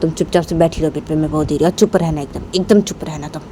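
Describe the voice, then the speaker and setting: A woman voicing a hot-tempered, bossy young woman who loudly scolds her lover and repeats threats. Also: low voice, fairly even intonation, fast, a little hiss or hum, lightly acted. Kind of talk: storytelling role-play.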